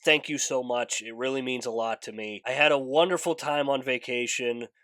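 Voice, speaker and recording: With a medium-pitched, steady voice that sounds pushed and bright, a congested man still recovering from a fever previews upcoming wrestling matches for his channel at normal speed. There's no room sound in this casual vlog breakdown, and he stays earnest and chatty, emphasizing stressed words.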